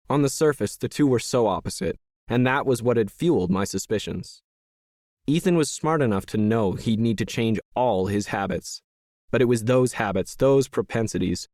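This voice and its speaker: A man narrating a science fiction audiobook in the first person, in a measured, even storytelling manner. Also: on the low side, no room sound, studio quality.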